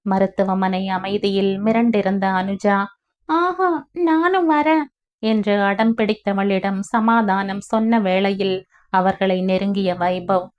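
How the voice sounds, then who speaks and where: A woman narrating a family novel in an even, measured reading. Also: medium pitch, smooth, dull audio. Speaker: audiobook narrator. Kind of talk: scripted story narration.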